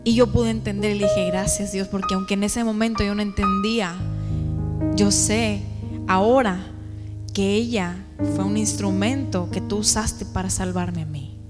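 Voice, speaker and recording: A woman's voice: mid-range voice, steady tone, moderate pace, big-room sound, loud music behind the voice. A woman giving an earnest, emotional testimony to a church congregation, often asking the listeners questions. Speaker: testimony speaker.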